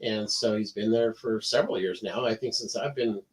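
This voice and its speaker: A man's voice: fairly low pitch, fairly even intonation, moderate pace, very noisy. A congested man co-hosting a casual livestream chat, easygoing and agreeable, speaking over a video call. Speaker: chamber of commerce director.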